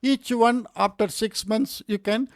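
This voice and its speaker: An older man in his sixties lectures with a Kannada Indian accent. His voice sits high for a man and has a gravelly creak. He explains haltingly, pausing and adding small tag phrases, in a close, dry recording. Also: no echo. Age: 60s. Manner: halting, with frequent pauses and repeated tag phrases.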